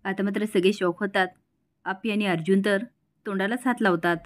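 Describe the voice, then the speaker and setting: A woman hosting a TV serial recap, telling the episode in brisk storytelling style and reading out the dialogue. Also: mid-range voice, fairly even intonation.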